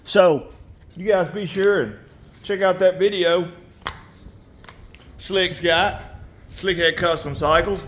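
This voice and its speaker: A man hosting a casual motorcycle how-to video in his garage, relaxed and rambling, often clearing his throat and coughing. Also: sits high, drawn-out words, long pauses, background noise. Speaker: motorcycle builder and channel host.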